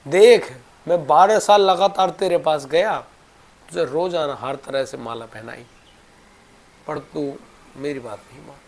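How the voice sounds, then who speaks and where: A man's voice: on the high side, measured pace, a little hiss or hum. A man voicing a stubborn, devoted old male ascetic who scolds in rustic speech. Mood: pleading.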